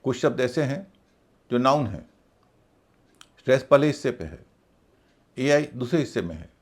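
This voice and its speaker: A man teaching English pronunciation in a video lesson, speaking slowly and deliberately and spelling words out letter by letter. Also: mid-range voice, slightly rough.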